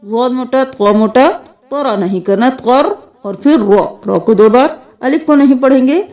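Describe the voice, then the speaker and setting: A woman teaching Quran recitation, chanting verses melodically and explaining the rules. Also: darkish tone. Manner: slow melodic recitation alternating with quick lower explanations. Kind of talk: tajweed lesson, slow recitation with explanations.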